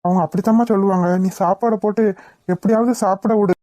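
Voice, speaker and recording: A brisk, practical middle-aged husband in a cartoon, quick and matter-of-fact with a mellow tone, as a woman voices him. The recording is dry. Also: mid-range voice, steady tone, no room sound, lightly acted. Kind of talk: cartoon voice acting.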